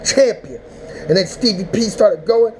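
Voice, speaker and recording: A man casually recapping a rap battle, rambling and animated, with mock-emotional outbursts. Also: high-pitched, unhurried, slight background noise, poor audio. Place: indoors, smoking while talking.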